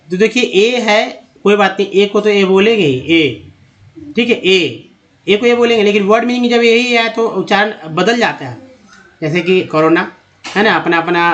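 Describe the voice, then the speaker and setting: Male phonics tutor, slightly high voice, patient drawn-out sounding-out of words, chatty toward viewers. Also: fairly bright tone. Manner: repeats vowel sounds and addresses viewers as friends. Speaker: English teacher. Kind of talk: Hindi-language phonics lesson.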